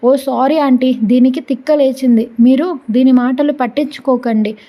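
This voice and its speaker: A woman's voice: high-pitched, fairly even intonation, moderate pace, muffled recording. A woman reading a stubborn pleading husband. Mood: exasperated. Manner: pleading and scolding. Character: stubborn possessive husband, middle-aged man.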